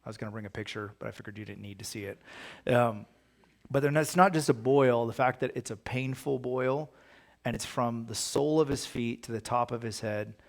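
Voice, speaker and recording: A man's voice: mid-range voice, brisk, vocal fry. A man leading a casual Bible study, talking conversationally and reading scripture aloud with emphasis. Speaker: pastor.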